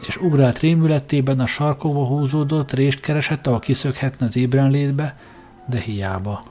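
A man reading a story aloud in a steady, even way as an audiobook narrator. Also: medium pitch, faint music behind.

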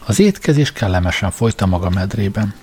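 A man narrating an audiobook in a measured storytelling manner. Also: lowish voice, lively intonation, mellow, breathy edge.

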